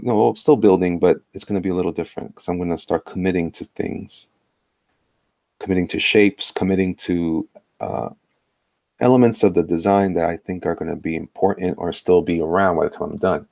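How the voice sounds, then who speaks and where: Gravelly, low-voiced middle-aged New York man. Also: a little mellow, no echo, studio quality. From the Bronx, New York. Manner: playful, rambling, repeats phrases, drifts into asides. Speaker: artist hosting a live drawing stream. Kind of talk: casual live-stream chat while drawing. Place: indoors at a tabletop.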